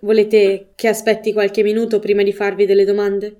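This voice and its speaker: A woman reading the lines of a male police superintendent in a measured, formal tone. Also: medium pitch, completely flat delivery, warm tone, close to an everyday voice.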